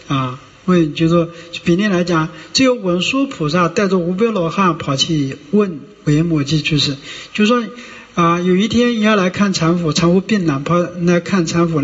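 A man, a Buddhist monk, giving a rambling sermon with drawn-out filler sounds and frequent rhetorical checks on his listeners. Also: fairly high pitch. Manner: discursive, many drawn-out "ah" fillers and rhetorical "you know?" checks. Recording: dull lo-fi recording with long hall reverb.

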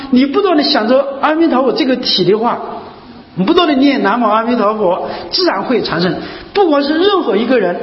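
A man giving a Buddhist dharma talk, asking his listeners rhetorical questions and repeating key phrases again and again. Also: high voice. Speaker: Buddhist teacher. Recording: muffled, echoey hall recording with faint hiss.

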